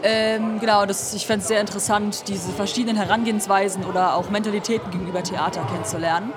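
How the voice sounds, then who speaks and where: A young woman answers interview questions casually, hesitating with lots of fillers and light giggles. A loud crowd murmurs behind her. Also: medium pitch, fairly even intonation, fast. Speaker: festival participant. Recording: crowd chatter at a busy event.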